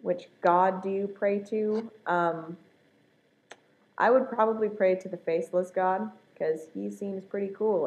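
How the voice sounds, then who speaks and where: A woman's voice: fairly low pitch, a little mellow. A woman chatting casually and hesitantly, thinking aloud as she answers a list of fan questions. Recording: dull, lo-fi home recording.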